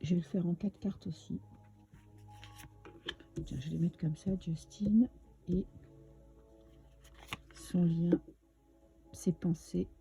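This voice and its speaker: A woman's voice: fairly low pitch, fairly even intonation, slow, creaky, long pauses, warm tone, soft background music. A woman with a French accent giving a casual, chatty tarot reading to her viewers, with many fillers and restarts. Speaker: tarot reader.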